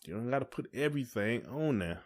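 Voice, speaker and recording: This American podcast co-host talks briskly at medium pitch with lively intonation, in a relaxed conversation between husband and wife. He holds strong opinions, circles back to the same points, and imitates others when quoting them.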